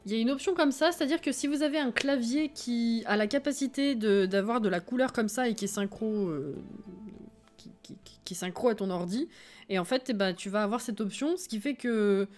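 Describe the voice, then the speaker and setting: Woman streamer chatting away while she plays, laughs a lot, higher voice, bit of game music under her. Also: brisk, a little mellow. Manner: chatty, laughs often, reads chat aloud. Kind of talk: casual live-stream chat while playing.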